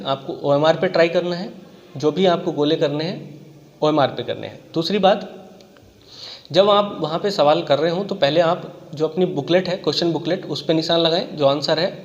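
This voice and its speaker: A man's voice: a little high, big-room sound, dull audio. Man giving exam strategy tips. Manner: conversational, repeats "theek hai" and talks through examples. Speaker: exam coach.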